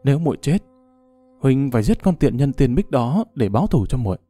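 A man's voice: mid-range voice, big pitch swings, a little fast, warm tone, slightly rough, faint music behind. Give me a cold, demanding young woman from a martial-arts storybook, voiced by a male reader. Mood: vengeful. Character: proud sharp-tongued young woman, jealous and bossy.

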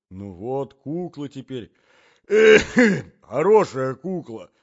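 A man's voice: big pitch swings, takes it slowly, a bit bright, dull audio, heavily acted. A man voicing a feeble, fussy old husband who quavers and keeps coughing. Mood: rambling. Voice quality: quavering, high, interrupted by coughs. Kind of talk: audiobook character reading.

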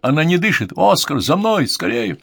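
A man voicing a middle-aged Victorian doctor who gives forceful, urgent commands. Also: mid-range voice, lively intonation, normal speed, no echo, studio quality, voice pushed up.

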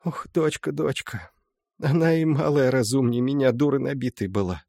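An old village mother recounts her past in a soft, confiding folk-tale manner, as a male audiobook reader puts her on. The voice is mid-pitched for a man and sits very dry and close, with no room around it. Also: normal speed, vocal fry, no room sound, close to an everyday voice. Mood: tender. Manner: soft storytelling, folksy and confiding. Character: old village mother confessing, tearful and humble. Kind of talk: audiobook reading.

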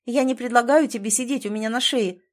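In this audiobook, the female reader takes on the role of a strong-willed woman arguing insistently, her voice edged with steel. She speaks a little high and quickly, lightly acted, in an insistent, pleading, emphatic way.

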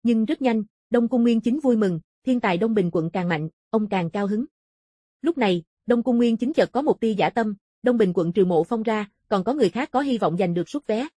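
A woman reading a scripted fantasy martial-arts story as an audiobook narrator, with a husky, soft-edged voice. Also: on the high side, animated, moderate pace, no room sound, studio quality.

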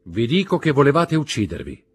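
A man voicing a mysterious nobleman who speaks calmly, gently and firmly, with a husky voice. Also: fairly low pitch, moderate pace. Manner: calm, gentle, firm.

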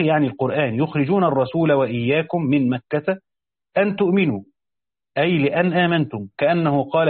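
A man's voice: on the high side, slightly rough, no room sound. Man reading a Quran commentary, tinny. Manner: reads text aloud, then explains it with pauses and restarts. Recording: tinny phone-like audio, dry.

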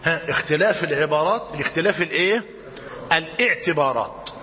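A man with an Egyptian accent teaching a religious lesson, slowly dictating and repeating each phrase and quizzing his students. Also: on the high side. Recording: dull roomy hall recording, faint hiss.

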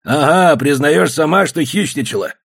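A gruff, sneering police sergeant, as a male narrator puts him on for an audiobook. He barks his lines in a raised, husky voice with lively swings of pitch. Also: moderate pace, full character voice. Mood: accusing. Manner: barking, sneering.

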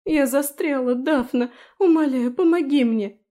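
Female narrator doing a haughty young noblewoman, high and mellow, scheming behind fake tears. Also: animated, moderate pace, close to an everyday voice. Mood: pleading. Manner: tearful pleading, then mocking.

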